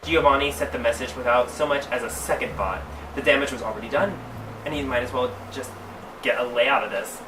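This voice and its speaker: A man with a sassy drag queen delivery, reading fan fiction aloud comedically, with theatrical drawn-out emphasis and mock-scandalized asides. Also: medium pitch. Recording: roomy, distant mic, clearly noisy background.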